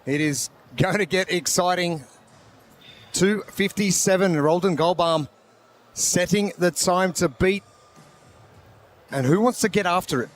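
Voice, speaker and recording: A man's voice: high voice, unhurried, long pauses, a little hiss or hum. A man commentating live as lead host at a sports competition.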